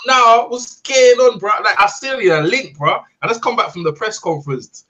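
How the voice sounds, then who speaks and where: A man's voice: high voice, moderate pace, sharp tone. A man chatting in slangy, repetitive bursts on a live online panel, his call audio echoing. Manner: slangy, repeats phrases. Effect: echo on his call audio. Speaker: panel guest on a live stream. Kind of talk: casual chat.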